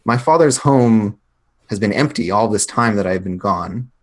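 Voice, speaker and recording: Man putting on a grave, deep monster-like nobleman. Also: animated, moderate pace. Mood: solemn, resolute. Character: proud nobleman reclaiming his late father's house. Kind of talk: tabletop role-play.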